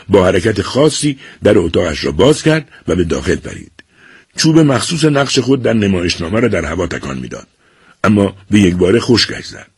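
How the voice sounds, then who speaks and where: A man narrating an audiobook in a measured storytelling manner. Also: deep voice, slightly rough, no room sound, studio quality. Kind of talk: scripted narration.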